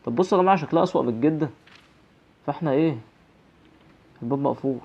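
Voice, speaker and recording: A man's voice: on the high side, rapid-fire, gravelly, highs cut off. Jumpy Egyptian man playing a horror game. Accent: Egyptian Arabic. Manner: jumpy, frightened exclamations and nervous rambling. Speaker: gaming channel host.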